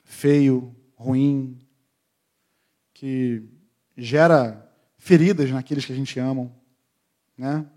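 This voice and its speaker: A middle-aged man preaching a sermon, telling a family story with lively storytelling and acting out the voices of his family. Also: medium pitch, extremely slow, long pauses.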